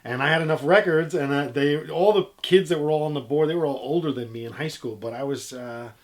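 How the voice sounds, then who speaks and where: A middle-aged man with a fairly high voice tells stories as an interview guest. He speaks casually, with joking, self-deprecating asides. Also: a little fast. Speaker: interview guest, DJ and music history video maker.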